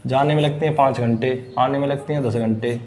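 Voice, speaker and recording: A man's voice: medium pitch, steady tone, brisk, darkish tone, a little hiss or hum. A man teaching a blackboard maths lesson, asking the class questions and then answering them himself. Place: classroom with a board.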